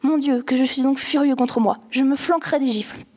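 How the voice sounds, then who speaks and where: Brief: a woman reading a rambling, pleading teen boy, mellow low-key voice. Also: brisk. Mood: tearful. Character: impulsive teenage boy, pleading and tearful.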